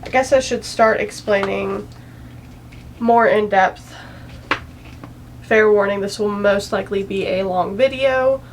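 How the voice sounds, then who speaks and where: A woman's voice: mid-range voice, measured pace, long pauses, a little hiss or hum, low-quality recording. Chatty young woman giving a makeup tutorial. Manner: chatty, self-deprecating, rambling with asides. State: anxious, a little out of breath. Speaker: beauty vlogger.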